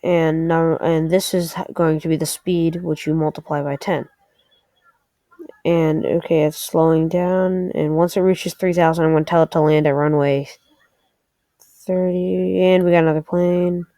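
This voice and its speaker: A woman with a low, warm voice walks through a game at a measured pace, keeping her tone steady while thinking aloud a bit hesitantly. The casual screen-recorded commentary has no room sound.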